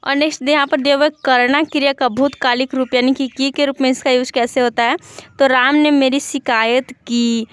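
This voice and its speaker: A woman's voice: high voice, steady tone, moderate pace, smooth. A woman teaching an online exam-prep lesson on Hindi spelling, explaining step by step and listing example words, with frequent fillers.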